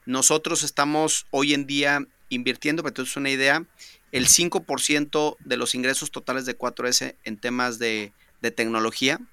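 A man's voice: mid-range voice, steady tone, moderate pace, pushed and bright, clear, resonant tone, dry recording. A man with a Mexican accent hosting a casual business interview, talking with frequent fillers and restarts. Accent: Mexican Spanish. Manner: talkative, many fillers and restarts. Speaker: podcast host.

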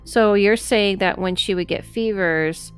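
A woman hosts a podcast and chats casually with a guest, affirming often and laughing easily. She speaks at medium pitch and a measured pace, with faint music behind her.

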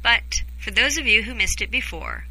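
A woman's voice: a little high, sing-song, normal speed, gravelly, pushed and bright, faint music behind, poor audio. A woman hosting a podcast in a casual, chatty co-hosted style. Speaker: podcast host.

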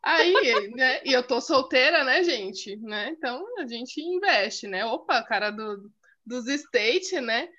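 Female co-host, lively storyteller, bright high voice, muffled lo-fi audio. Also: slow. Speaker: podcast co-host. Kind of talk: casual chat. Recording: dull lo-fi audio.

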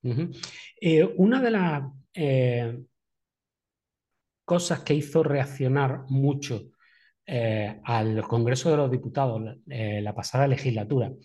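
A man interviewing a guest, asking long questions with many hesitant filler pauses. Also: mid-range voice, mellow.

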